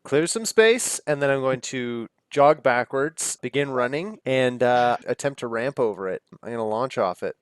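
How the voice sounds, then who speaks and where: A man's voice: mid-range voice, animated, moderate pace, hardly any pauses, smooth, dry recording. A man playing a tabletop game, playfully describing his character's actions. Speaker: player. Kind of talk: tabletop role-play.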